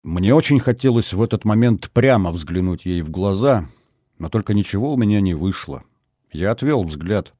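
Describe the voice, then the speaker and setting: A man with a low voice reads a first-person novel in a measured, wry way. The recording is dry and close, with no room around him. His delivery stays steady and even. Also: no room sound. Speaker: audiobook narrator.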